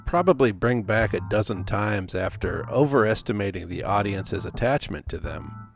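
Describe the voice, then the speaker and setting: A man's voice: fairly low pitch, lively intonation, normal speed, creaky. A man narrating a scripted video essay with dry, casual asides. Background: music.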